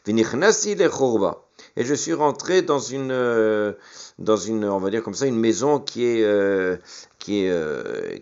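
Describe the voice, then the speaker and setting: A man teaching a Talmud lesson. He reads each Hebrew or Aramaic phrase, translates it, and hesitates often with fillers and repeated words. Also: mid-range voice. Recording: dull lo-fi recording.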